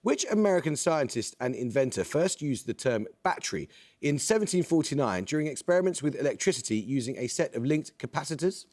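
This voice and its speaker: A man hosting a quiz show, reading questions in a crisp, measured, authoritative way. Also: mid-range voice, very animated, a little mellow.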